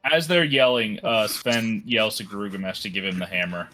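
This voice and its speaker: A man's voice: lowish voice, moderate pace, pushed and bright. A man playing a tabletop game, hesitant, with many fillers and restarts as he describes his moves. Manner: hesitant, lots of uhs and restarts. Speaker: player. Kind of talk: casual tabletop game chat.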